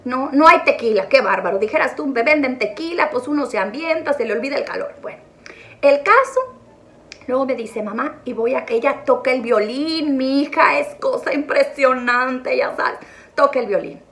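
A woman's voice: high-pitched, moderate pace, fairly bright tone. A middle-aged woman, rambling chattily with self-mocking asides, recorded on a phone. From northwest Mexico. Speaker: vlogger. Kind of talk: chatty monologue.

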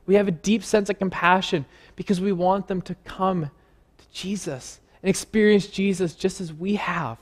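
A man's voice: high-pitched, steady tone, moderate pace. Earnest man preaching a casual sermon. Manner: earnest, conversational preaching with rhetorical questions. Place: church.

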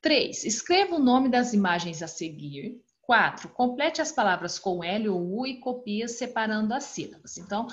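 A woman's voice: medium pitch, very animated, normal speed, few pauses. A woman with a Brazilian Portuguese accent teaching a recorded online class to young children, explaining each exercise patiently and step by step. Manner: affectionate, calls the class "turminha". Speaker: primary school teacher. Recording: dull lo-fi recording.

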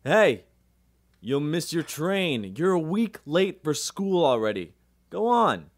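Man acting Uncle Billy, slow, swooping excitable older fellow. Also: on the high side, no room sound, full character voice. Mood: urging. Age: 50s. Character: excitable, kindly middle-aged uncle, easygoing. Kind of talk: radio drama acting.

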